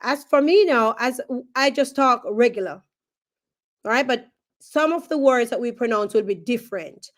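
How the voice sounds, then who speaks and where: Woman, Jamaican accent, teacher, chatty, keeps asking "right?", slightly high pitch. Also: normal speed. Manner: relaxed, chatty, tags sentences with "right?". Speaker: third grade teacher, guest. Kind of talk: casual interview.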